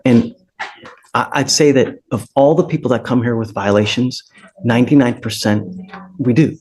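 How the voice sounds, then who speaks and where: A man's voice: medium pitch, normal speed, darkish tone. A male judge talking informally and colloquially from the bench in court. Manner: conversational, colloquial.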